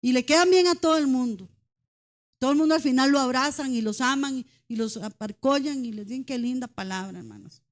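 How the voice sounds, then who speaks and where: A woman's voice: high voice, a little fast. A woman preaching a sermon in church, emphatic and direct, often calling out to her listeners as brothers and sisters. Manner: emphatic, repeatedly addresses the congregation as brothers; speaks as a mother, mentions her daughters.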